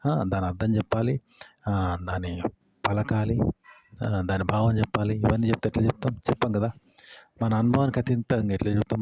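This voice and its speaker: A man gives a talk-to-camera lesson in a fairly low voice. He repeats himself, lists words one after another and keeps asking rhetorical questions. A faint hiss and a few clicks sit under the recording. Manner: repetitive, rhetorical questions, listing word after word. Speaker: YouTube tips presenter.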